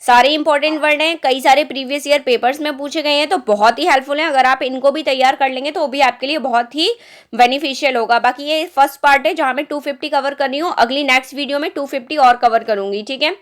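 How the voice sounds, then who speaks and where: A young woman with a high-pitched voice teaches Hindi spelling for exam preparation. She goes word by word, patient and repetitive, asking rhetorical questions and answering them herself. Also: fairly even intonation, fast talker. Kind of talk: exam-prep spelling lesson.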